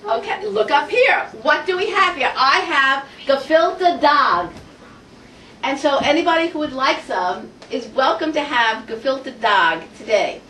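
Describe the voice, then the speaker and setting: A woman teaching a Hebrew phonics lesson to a class, energetic and coaxing, asking the group question after question. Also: sits high, measured pace, slight background noise. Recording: roomy classroom audio from far off.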